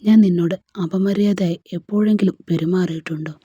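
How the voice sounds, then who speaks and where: A wounded young husband pleads and presses his wife with sore, tense questions, as a woman narrator voices him. The voice sits low and mellow with a husky edge, and the recording is close and dry. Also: fairly even intonation, a little fast, dry recording, highs cut off. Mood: hurt.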